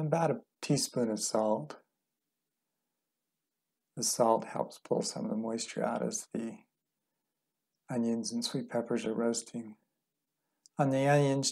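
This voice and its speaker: A middle-aged man with a gravelly, slightly husky voice talks through a recipe step by step. His delivery is relaxed and unhurried, plain-spoken, as he cooks in a home kitchen. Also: mid-range voice. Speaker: cooking instructor. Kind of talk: calm step-by-step cooking demonstration.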